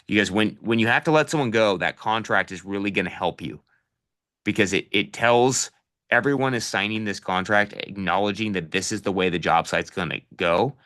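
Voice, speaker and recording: Casual man coach, middle-aged, bright forceful tone, direct and practical. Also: fairly low pitch, normal speed. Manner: casual, addresses listeners as "you guys"; direct practical advice with fillers. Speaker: real estate investing coach. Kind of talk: live online coaching session.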